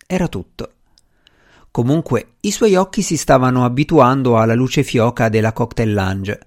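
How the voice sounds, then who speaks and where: A man reading a novel aloud as a narrator, giving the characters' dialogue small changes of voice. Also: mid-range voice. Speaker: audiobook narrator. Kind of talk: scripted narration.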